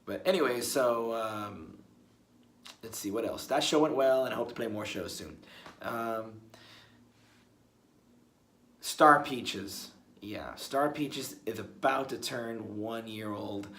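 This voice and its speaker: A man's voice: fairly low pitch, slow, pauses often, a bit bright. A young man talking casually in a one-take video blog, rambling and restarting his words often. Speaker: musician vlogger. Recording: roomy with faint ambience.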